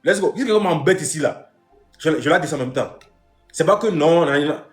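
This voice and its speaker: A man's voice: a little high, lively intonation, moderate pace, faint music behind. A man hosting a comic live stream as a strict father, lecturing with emphatic repetition. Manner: lecturing, emphatic, repeats phrases. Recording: roomy echo.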